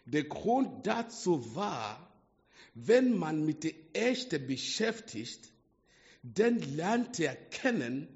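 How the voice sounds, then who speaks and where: Slow-speaking preacher man. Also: on the high side. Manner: slow, halting delivery with restarts and broken grammar. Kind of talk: sermon. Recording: dull lo-fi sound in a reverberant hall.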